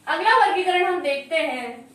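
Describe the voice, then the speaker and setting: A woman's voice: extremely high pitch, lively intonation, normal speed, fairly bright tone. A woman teaching a grammar lesson, repeating each point and asking questions she answers herself. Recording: echoey room, mic far off, faint noise.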